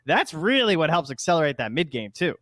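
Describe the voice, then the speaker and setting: Relaxed man analyzing esports. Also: a little high, fairly quick, no room sound, studio quality. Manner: relaxed, explanatory, laughs easily. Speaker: esports caster. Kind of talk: live esports commentary and analysis.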